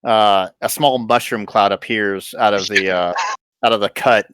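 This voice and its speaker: A man narrating a tabletop game as dungeon master, relaxed and laughing between rulings, over online voice chat. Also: fairly low pitch, measured pace, smooth, no room sound.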